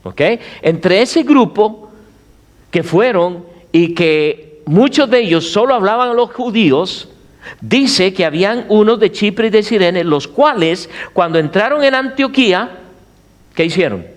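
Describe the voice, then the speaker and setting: Animated middle-aged preacher man. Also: sits high, measured pace. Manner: animated preaching with rhetorical questions to the congregation. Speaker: pastor. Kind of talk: Spanish-language sermon.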